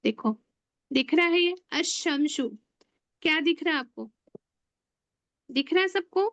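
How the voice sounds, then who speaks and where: A woman teaching an online Arabic grammar class, slowly spelling out letters and often asking the class questions. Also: sits high, expressive, a bit bright, no room sound, dull audio. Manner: slow and spelling out letters one by one. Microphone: online video call.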